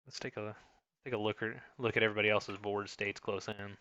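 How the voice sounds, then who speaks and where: A man's voice: on the low side, little pitch movement, fairly quick, pushed and bright, clean tone, highs cut off. A man talking through his own heavily compressed microphone, joking casually as he hosts a board game session. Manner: joking, self-mocking. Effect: compressed mic sound. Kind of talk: casual chat while playing a board game.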